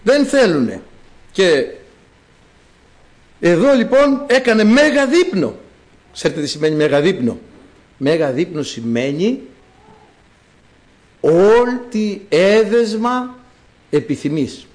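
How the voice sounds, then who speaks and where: Animated man preaching a sermon. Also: high-pitched, long pauses. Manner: animated, calls out quoted lines in a raised voice; explains words to the congregation.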